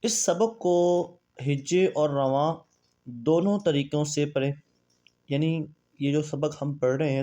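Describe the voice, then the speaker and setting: A man teaching a Quran reading lesson, drawing out the spelling of Arabic letters in a chanting tone between brisk explanations and asking and answering his own questions. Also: fairly high pitch, a little mellow.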